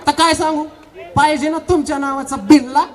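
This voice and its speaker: A man's voice: extremely high pitch, steady tone, fairly quick, recorded from a distance, a faint crowd. A man doing a sing-song teasing village wife. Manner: bickering, sing-song, listing things off. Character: chatty rural village wife, middle-aged, proud and teasing. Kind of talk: comic stage play.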